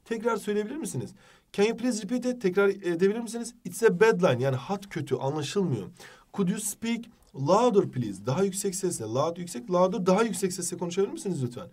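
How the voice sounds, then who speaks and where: High-voiced man teaching, heard from a distance. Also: expressive, a little mellow. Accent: Turkish. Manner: jokey, switches between Turkish and slow English phrases. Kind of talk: exam-prep lesson.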